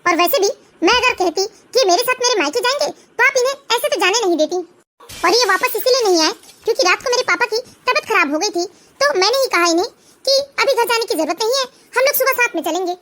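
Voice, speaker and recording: A woman's voice: very high-pitched, expressive, fast talker, noisy background. A woman voicing a defensive young daughter-in-law. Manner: pleading, defensive.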